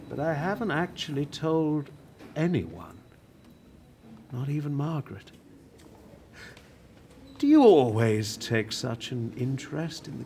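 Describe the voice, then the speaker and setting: Guarded and bitter, a man performs a radio-play role as an aging, dying working-class TV writer, a proud, prickly, reflective figure who speaks wryly and deliberately. His voice is mid-range and a little mellow, with a touch of hiss or hum in the recording.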